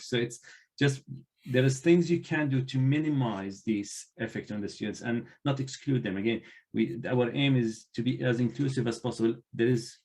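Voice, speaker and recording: On an online panel, a non-native English-speaking man who trains librarians talks earnestly but haltingly, restarting often. His voice is medium-pitched with a dark tone.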